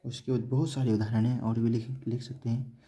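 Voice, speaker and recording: Male teacher, husky and dark, drills a grammar lesson word by word and answers his own questions. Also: mid-range voice, level tone. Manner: slow, repeats each word, asks and answers own questions; says "theek hai" after nearly every point. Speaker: Sanskrit teacher.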